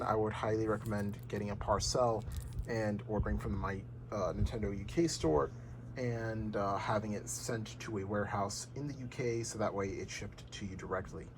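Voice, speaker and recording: A young man talks in a low voice, rambling from one thought to the next and stopping often to restart. A faint hiss sits under the recording, made at home. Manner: rambling with many fillers and restarts. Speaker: gaming vlogger. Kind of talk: casual unboxing and game progress vlog. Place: bedroom at home.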